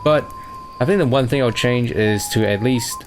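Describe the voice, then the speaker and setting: With music playing behind him, a young man answers fan questions in a casual chat. His mid-range voice moves at a moderate pace, and he's easygoing and rambling, using plenty of fillers.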